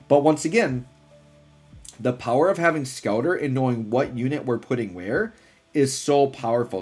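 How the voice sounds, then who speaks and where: A male gaming host chats casually over music. He rambles excitedly and slangily through his gameplay commentary, in a mid-pitched voice with a slightly rough edge. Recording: music behind the voice.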